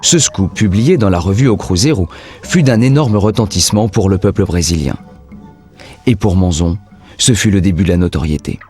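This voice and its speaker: A man with a low voice narrates a documentary from a script. Faint music plays behind him as he reads in full, composed sentences. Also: lively intonation, normal speed, a little mellow.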